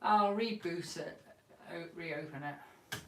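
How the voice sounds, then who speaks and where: A British woman with a slightly low voice hosts an online bingo game. She speaks at an unhurried, slow pace. Her delivery is informal and chatty, full of cheeky banter between calls to the players. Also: a bit bright, a little hiss or hum. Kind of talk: casual chat, calling out players and numbers.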